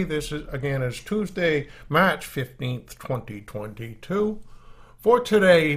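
Maine-accented man hosting a folksy podcast. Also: a little high. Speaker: podcast host. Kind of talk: informal podcast presenting with weather and nature segments.

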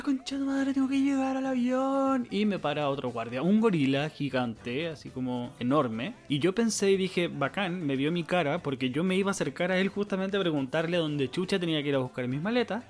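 A man's voice: a little high, darkish tone. Chatty young Chilean man, slangy. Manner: chatty, rambling, heavy slang and swearing. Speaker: podcast host. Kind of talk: casual storytelling monologue.

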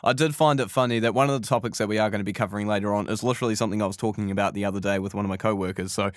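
A man's voice: on the low side, fairly even intonation, racing, dry recording, studio quality. A man co-hosting a podcast in casual chat, enthusiastic and swearing casually. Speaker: podcast co-host.

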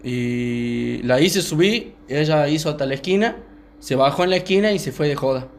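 Young male podcaster with a Rioplatense accent, relaxed storyteller, somewhat high voice. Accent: Rioplatense Spanish. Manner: calm, unhurried, many fillers. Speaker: podcast co-host. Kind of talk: casual storytelling chat.

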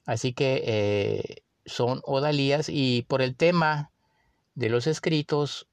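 A man with a Mexican accent hosting a podcast, musing in a relaxed way with many pauses and fillers. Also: medium pitch, smooth, dry recording. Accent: Mexican Spanish. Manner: unhurried, with frequent fillers and restarts. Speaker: podcast host. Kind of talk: casual reflective monologue.

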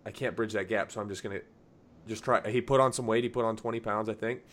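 Animated male podcast host. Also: fairly low pitch, fast. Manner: animated storyteller, acts out quotes; laughs often, many fillers. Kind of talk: casual podcast chat.

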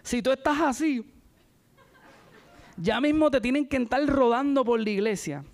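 Teasing male churchgoer , as a preacher puts him on: squeaky high mockery, slow and drawn out. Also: creaky. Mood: mocking. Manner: high, slow mocking exclamation.

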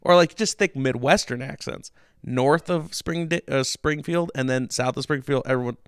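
A man from Illinois co-hosting a casual history podcast, chatty and joking with quick asides. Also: medium pitch, smooth, no room sound, clean studio sound. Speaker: podcast co-host.

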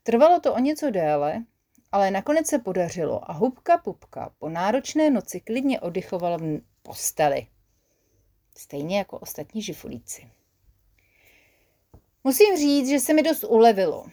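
Woman reading a children's story. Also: mid-range voice. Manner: lively, expressive narration.

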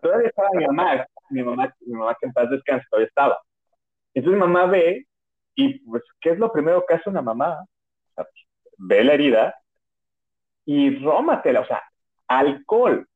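A man's voice: a little high, very animated, normal speed, pauses often, husky. Mexican man rambling through a story. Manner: chatty, rambling, full of "o sea" and restarts. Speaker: podcast host. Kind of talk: casual storytelling. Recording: narrow phone-like audio.

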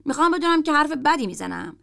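A woman reading the lines of a gruff, foul-mouthed grown man who grumbles and swears in a story. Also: high-pitched, sing-song, bright, forceful tone, voice pushed up, full character voice.

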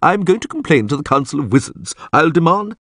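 A man's voice: a little high, sing-song, brisk, a bit bright, dry recording, clean studio sound, voice pushed up, exaggerated voice. A man voicing a portly, haughty court chamberlain who speaks emphatically. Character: pompous portly middle-aged male chamberlain.

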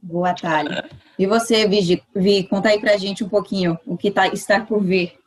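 Woman podcast host from São Paulo, relaxed slangy chat, mid pitch. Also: normal speed. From São Paulo, Brazil. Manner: easygoing, slangy, upbeat.

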